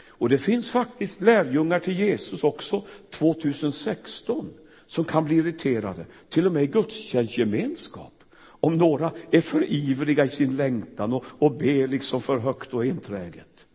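A man preaching a fervent sermon, swinging from hushed words to loud outbursts. His voice sits a little high and has a husky grain. A long reverb trails after him, as in a large church. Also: lively intonation. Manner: fervent, emotional preaching with sudden loud and soft turns.

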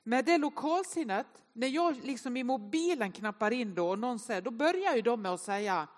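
A woman, telling self-mocking stories in an animated way during a humorous Sunday sermon to a congregation. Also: on the high side. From inland northern Sweden. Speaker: speaker at a Sunday service. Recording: long reverb of a large hall.

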